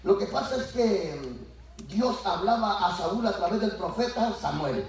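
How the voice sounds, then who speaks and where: High-voiced pastor preaching hard, church hall echo, mic kind of far off. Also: male voice, unhurried. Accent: Latin American Spanish. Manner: animated preaching, acts out biblical voices, rising to shouts. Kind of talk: Pentecostal sermon. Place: church sanctuary. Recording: echoey church heard from far off. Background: congregation answering.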